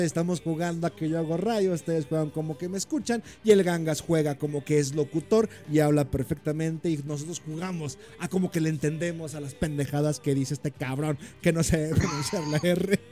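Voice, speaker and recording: A man's voice: a little high, a little mellow. A Mexican man hosting an online radio show, teasing his co-host in crude, profane banter. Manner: profane, teasing, says "güey" constantly. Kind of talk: crude joking chat.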